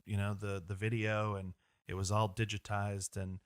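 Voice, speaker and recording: A man with a low voice co-hosts a casual podcast, asking leading questions and dropping jokes along the way. The recording is dry and close-miked. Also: flat delivery, normal speed, clean tone, dry recording. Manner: joking, asks leading questions. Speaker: podcast co-host. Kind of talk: casual conversational discussion.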